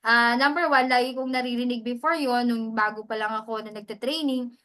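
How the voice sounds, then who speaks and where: Bright-voiced Filipina mentor, chatty. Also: female voice, fairly high pitch, fairly even intonation, fairly quick. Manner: chatty, mixes English into Tagalog, often adds "mens". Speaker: hosting mentor. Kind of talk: casual teaching talk.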